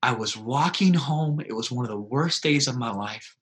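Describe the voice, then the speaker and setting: A man voicing a hungry man who lost his job, telling his story in an earnest, slow way. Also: mid-range voice, expressive, close to an everyday voice.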